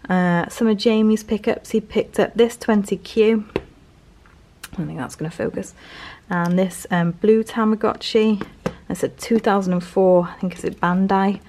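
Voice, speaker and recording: A woman's voice: medium pitch, fairly even intonation, measured pace, darkish tone, slight background noise. A British woman giving casual haul commentary as a reseller vlogger, talking in a hesitant, rambling way.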